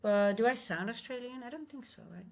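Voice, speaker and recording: A native Dutch speaker from the Netherlands hosts a live trading stream, thinking aloud in halting, casual commentary with a Dutch accent. Her voice is on the high side and a little mellow.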